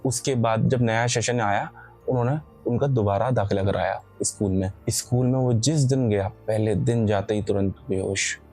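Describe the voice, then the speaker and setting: Male storyteller, husky and soft-toned, casual and digressive horror narration. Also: on the low side, fairly even intonation, moderate pace, faint music behind. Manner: rambling, self-correcting, frequent filler asides.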